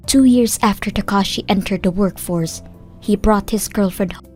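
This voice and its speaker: Over a bed of background music, a woman narrates a story in the first person from a script, working as narrator and voice actor for a manga dub. Her mid-range voice is a little mellow and moves at a normal speed.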